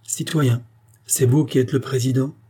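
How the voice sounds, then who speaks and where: A man reading the part of a proud, doomed young noblewoman who speaks in a gentle yet firm, grave way. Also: mid-range voice, fairly even intonation, normal speed, breathy edge, voice pushed up, close to an everyday voice.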